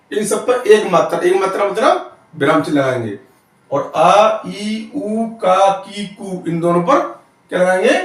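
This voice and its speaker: Lively high-voiced male teacher in echoey room. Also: distant mic. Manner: explains step by step with repeated questions to students. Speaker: Hindi grammar teacher. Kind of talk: classroom-style lesson.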